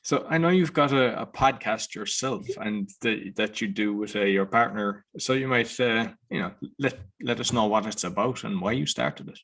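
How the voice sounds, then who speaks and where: A man from Ireland with a Cork accent, hosting a podcast interview and asking relaxed, rambling questions. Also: lowish voice, moderate pace, hardly any pauses. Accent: Cork Irish. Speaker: podcast host.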